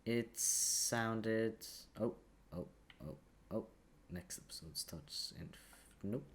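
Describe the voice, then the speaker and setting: A man's voice: lowish voice, takes it slowly, a little hiss or hum. A man giving casual video game commentary, hesitantly thinking aloud as he goes. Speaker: gaming commentator.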